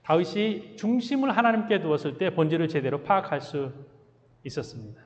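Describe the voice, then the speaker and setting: A man's voice: on the high side, animated, a little fast. A man preaching a Sunday sermon as pastor in a church, putting questions to the congregation. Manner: asks the congregation rhetorical questions. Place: church sanctuary. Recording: echoey church hall, slightly dull sound.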